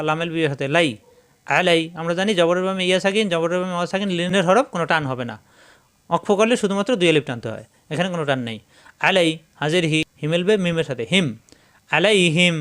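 A man teaching Quran recitation, spelling out syllables slowly and then chanting the verses drawn out. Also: fairly high pitch, fairly bright tone, smooth.

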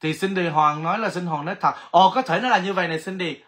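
A man hosting a casual livestream giveaway, chatty and excitable, exclaiming often. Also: high-pitched, quick pace. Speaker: livestream host.

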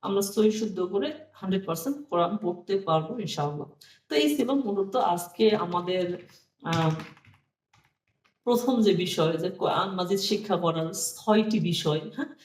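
A man teaching Quran reading in a calm classroom style, explaining each rule slowly, repeating it and chanting short rhymes to help it stick. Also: sits high, far from the mic. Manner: slow, deliberate explanations, repeats each rule and often says "হ্যাঁ". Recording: echoey room, voice somewhat off-mic.

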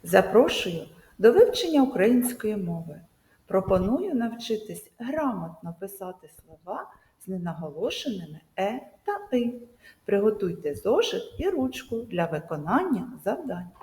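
A woman teacher giving a video lesson to children, speaking slowly and emphatically and drawing out example words. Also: medium pitch, sing-song, warm tone. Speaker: primary school teacher. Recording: echoey room with long reverb.

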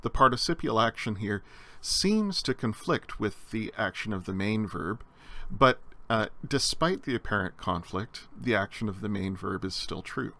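A man's voice: lowish voice, animated, normal speed, sharp tone. A man giving a recorded slide lecture on Greek grammar, explaining step by step with frequent fillers and restarts.

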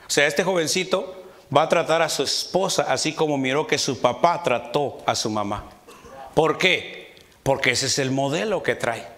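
Fervent pastor with a bright voice. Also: male voice, on the high side, moderate pace. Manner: preaching with rising shouts and repeated amens; mimics quarrelling voices in his anecdotes. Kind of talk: sermon. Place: church sanctuary.

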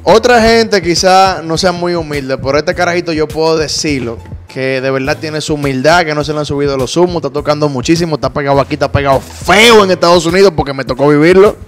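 A man's voice: a little high, fast talker, hardly any pauses, faint music behind. A man with a Dominican accent hosting an interview show on a handheld mic, talkative and teasing, with a lot of street slang. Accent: Dominican Spanish. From Dominican Republic. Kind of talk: casual interview. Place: lounge bar set indoors.

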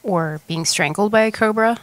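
A woman co-hosting a casual talk show, offering quick guesses with a giggly manner. Her voice sounds close and dry. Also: medium pitch, dry recording. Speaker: co-host. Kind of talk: casual chat.

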